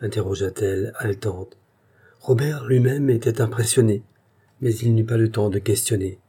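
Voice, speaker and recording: Male narrator, measured literary reading, dark mellow tone with a husky edge. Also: fairly low pitch. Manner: measured storytelling.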